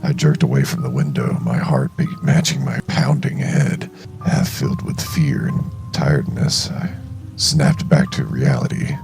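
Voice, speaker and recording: An exhausted, shaken young male zombie survivor played by a man narrates his horror audio journal. The voice is extremely deep and heavily creaky, and it moves slowly with halting, dramatic pauses. Music plays clearly behind it. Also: fairly even intonation, darkish tone, exaggerated voice. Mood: tense, shaken.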